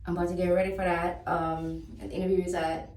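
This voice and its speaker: A woman's voice: on the low side, little pitch movement, quick pace, a little mellow. A young woman from Jamaica, chatting casually as a singer and interview guest, full of fillers. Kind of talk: casual chat and vlog. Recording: echoey room, far mic, music behind.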